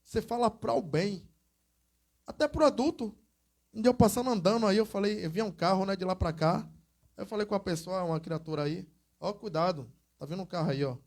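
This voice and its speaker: A man preaching in a church, teaching through lively anecdotes and acted-out quotes in a casual, conversational way. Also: high voice, a little fast, gravelly. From Brazil. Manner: conversational storytelling, acts out quoted voices, exclamatory. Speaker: evangelist preacher. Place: church hall.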